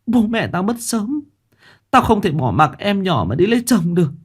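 A man's voice: medium pitch, expressive, normal speed, a little mellow, pitched above the performer's own voice, natural voice. A man voicing a guilty young village woman who stammers and pleads. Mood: pleading, tearful.

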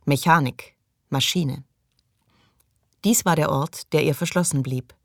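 A woman narrating an audiobook in an even, measured way. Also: deep voice, creaky, no room sound, clean studio sound. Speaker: audiobook reader. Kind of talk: scripted narration.

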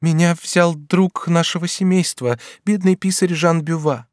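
A man's voice: a little high, steady tone, measured pace, no room sound, clean studio sound, pitched above the performer's own voice, close to an everyday voice. A man voicing a timid pleading young woman. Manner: pleading and tremulous.

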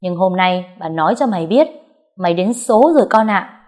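A woman voicing a furious, scornful middle-aged mother-in-law, who curses and sneers as she shouts. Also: on the low side, animated, moderate pace, close to an everyday voice. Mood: scornful, raging.

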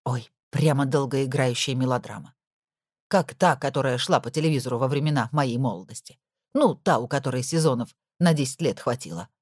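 A woman voicing an older, caring, gossipy woman in an audiobook, confiding in a low voice. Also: a little fast, a little mellow, no echo, clean studio sound. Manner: confiding, chatty.

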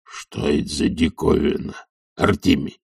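A man voicing a lazy, stubborn old servant who grumbles slowly and sullenly in an audiobook. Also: extremely low pitch, steady tone, creaky, slightly rough, no room sound, studio quality, distant mic, pitched below the performer's own voice, heavily acted. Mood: grumbling. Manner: slow, sullen, mumbling. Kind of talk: audiobook character reading.

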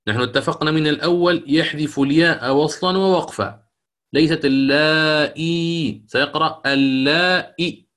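A middle-aged man lecturing on Quran recitation rules, asking questions and answering them himself, and chanting verses slowly as examples. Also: fairly high pitch, fairly bright tone.

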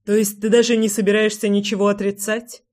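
A reader doing an angry young prince. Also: male voice, high-pitched, flat delivery, brisk, natural voice. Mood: heated. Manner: shouting, blunt, swearing.

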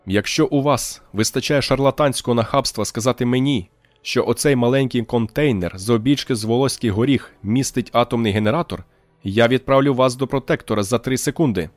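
A man reading an audiobook, putting on a higher voice for a touchy, self-satisfied male technician who bursts out indignantly. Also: fairly quick, no echo, soft background music, natural voice. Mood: scornful. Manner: shrill, indignant outbursts.

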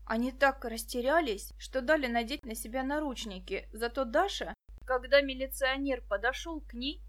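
Lady reading a kids' adventure book, lively, kinda high voice. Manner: lively, plays all the figures. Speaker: audiobook narrator. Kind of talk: scripted narration.

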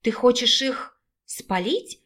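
A woman's voice: expressive, very slow, fairly bright tone, heavily acted. Woman reading as an indignant hurt young woman. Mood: horrified. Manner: shrill, indignant. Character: hurt, frightened, hot-tempered young woman. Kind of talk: audiobook reading.

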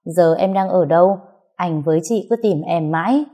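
A woman reads a cocky, bullying brother-in-law in a spoken story. He sneers and needles without letup. The voice sits low and mellow. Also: normal speed. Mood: taunting. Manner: mocking, needling. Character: smug bullying brother-in-law, grown man.

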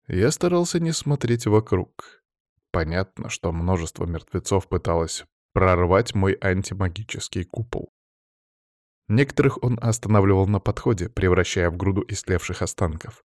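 A man narrating a fantasy audiobook in the first person with steady, measured storytelling. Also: sits low, no echo, studio quality.

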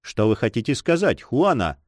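A man's voice: mid-range voice, sing-song, moderate pace, darkish tone, no room sound, studio quality. A man reading an earnest young nobleman in love in an audiobook, tender and agitated. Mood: ardent.

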